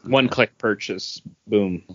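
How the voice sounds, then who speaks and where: This podcast host, a man with a fairly low voice, chats casually at a moderate pace. The sound is dull and lo-fi, dry and close with no room to it.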